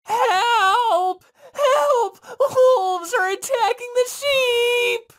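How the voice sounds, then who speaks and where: A man voicing a frightened young shepherd boy who shouts for help in a shrill, high voice. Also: very slow, dry recording, studio quality, heavily acted. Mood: desperate.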